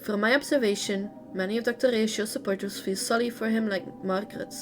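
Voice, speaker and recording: A woman's voice: mid-range voice, steady tone, a little fast, background noise. A woman reading a game's character lore aloud, breaking off for casual, chatty asides of her own. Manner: chatty asides between read passages. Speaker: lore reader.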